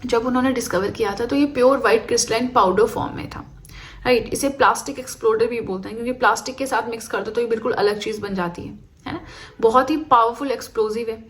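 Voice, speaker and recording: A woman's voice: on the high side, fast. A woman teaching an exam-prep chemistry lecture, explaining step by step and checking in with her students.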